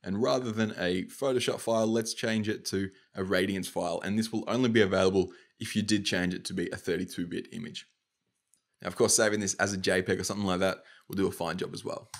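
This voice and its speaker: A young Australian man with a slightly nasal, stuffy voice, casually talking through a software tutorial step by step. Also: low voice, fairly even intonation, fairly quick, creaky. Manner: casual, upbeat, talks through each click. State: nasal from hay fever. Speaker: motion design tutor.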